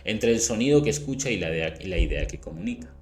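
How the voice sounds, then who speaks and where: A man with a lowish voice, an English teacher, explains a language lesson in a relaxed, conversational way, often tossing in rhetorical "¿no?" and "¿vale?" checks. He slows down to carefully model phrases, with faint music playing in the background.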